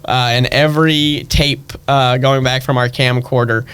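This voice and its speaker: A young man, a stage actor, telling family stories in a chatty, animated way and acting out their voices. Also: medium pitch, measured pace, clean tone. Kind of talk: casual storytelling chat.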